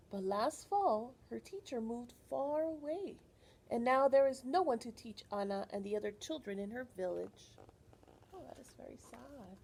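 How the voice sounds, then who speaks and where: Acting as a librarian, a woman reads a picture book aloud to young children in an animated, teacherly way, frequently stopping to ask them questions. Her voice is on the high side with vocal fry, and there's a little hiss or hum.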